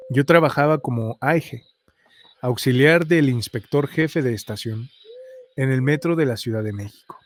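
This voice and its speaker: Man narrating horror stories. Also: medium pitch. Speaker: storyteller. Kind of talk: scripted horror story narration.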